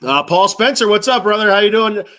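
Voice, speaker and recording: This middle-aged sports fan livestream host has a high-pitched, expressive, fairly bright voice and a brisk pace. He's congested from a cold and rambles casually while greeting commenters.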